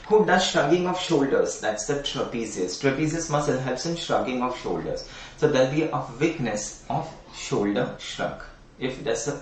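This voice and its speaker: Middle-aged Indian English male lecturer, somewhat high voice, repeats key terms, coaxes students; echoey room, mic at a distance. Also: a little hiss or hum. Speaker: anatomy teacher. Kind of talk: online exam-prep lecture.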